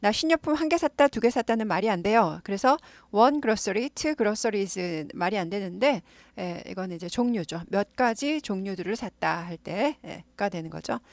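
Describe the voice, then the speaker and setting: A woman gives an English lesson, explaining each phrase patiently and saying words again and again at a slow, deliberate pace so learners can copy the sound. Her voice is dry and close, with no room sound around it. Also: medium pitch, animated, no room sound. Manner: patient, repeats words slowly to model pronunciation. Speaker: English teacher.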